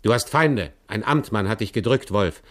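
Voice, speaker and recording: A man voicing a rough, commanding male forest robber in an audiobook, gruff and blunt. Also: lowish voice, animated, moderate pace, lightly acted. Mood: hearty. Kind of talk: audiobook character voice.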